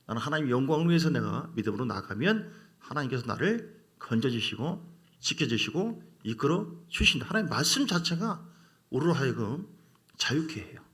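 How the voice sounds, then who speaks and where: A middle-aged male pastor preaching a sermon, swinging from quiet passages to loud exclamations. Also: medium pitch, very animated, moderate pace.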